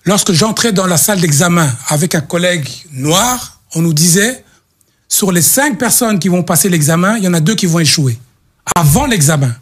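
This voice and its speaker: Casting note: middle-aged man, husky, slightly high voice, earnest guest who stumbles and repeats words. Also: animated. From Belgium. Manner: halting, repeats words while searching for them. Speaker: guest, association representative. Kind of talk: earnest testimony in a talk show interview.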